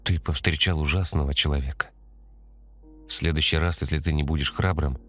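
A man voicing a mysterious young woman who speaks softly and solemnly in an audiobook. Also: extremely low pitch, fairly even intonation, a little fast, faint music behind. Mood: hushed solemn. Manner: soft, hushed, solemn. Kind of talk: audiobook narration.

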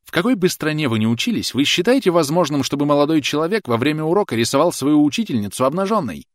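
A prim, outraged schoolteacher woman, as a male narrator puts her on, pitched well above his own voice. Her speech swings widely in pitch, shrill and huffy. The recording is dry and close. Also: sing-song, fast, no room sound. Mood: indignant. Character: prim indignant female schoolteacher.

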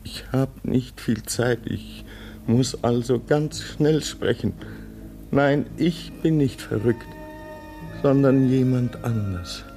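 A man's voice: mid-range voice, mellow, faint music behind. An actor in a radio play voicing a man in his thirties, anxious and pleading that he is not mad. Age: 30s. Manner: urgent, pleading, rushing. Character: anxious male driver, 36, fearing madness.

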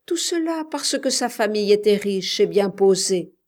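A woman's voice: medium pitch, lively intonation, normal speed, a little mellow, close to an everyday voice. A woman reading the part of a young man who has returned as a scholar, reproachful and bitter, in an audiobook.

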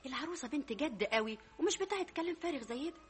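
An actress playing a lively sister who coaxes and reassures her brother, in a radio drama. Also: sits high, background noise. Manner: rapid, coaxing and reassuring. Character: lively, loyal sister Fawzia playing matchmaker. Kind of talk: Egyptian radio drama acting.

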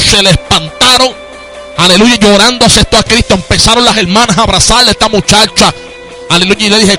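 Male Puerto Rican evangelist, fervent radio preacher, high and bright, faint music bed. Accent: Puerto Rican Spanish. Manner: fervent, peppered with hallelujahs.

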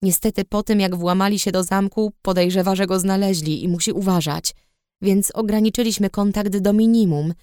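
A woman reading the part of a caring middle-aged mother who speaks softly and soothingly. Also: medium pitch, steady tone, normal speed, no room sound, studio quality, natural voice. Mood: gentle.

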